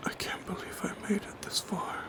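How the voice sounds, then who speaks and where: Voicing a lonely shadow creature that aches with longing, a man whispers in a quiet ASMR roleplay, halting and solemn, almost like poetry, breathy and creaky. The acting is light, and the mood feels sorrowful and haunted.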